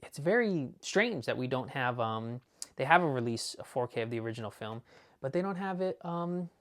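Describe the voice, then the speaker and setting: A male movie collector shows off his discs in a casual unboxing chat. His medium-pitched voice is animated and a bit bright, and he rambles enthusiastically, sometimes talking fast and leaning heavily on fillers.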